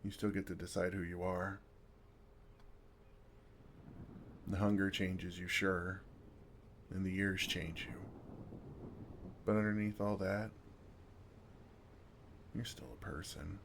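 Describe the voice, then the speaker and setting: In a gentle, intimate ASMR roleplay, a man voices a kind, wry older vampire comforting a newcomer, using dry humor and unhurried pauses. His voice is low and his delivery flat, with slight background noise, and the mood is gentle and reassuring.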